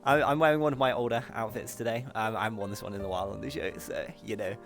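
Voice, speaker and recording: A man hosting a live stream, chatting casually and excitably with viewers and pronouncing his r's as w's. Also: fairly low pitch, rapid-fire, faint music behind. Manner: says w for r. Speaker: host of a live streamed show.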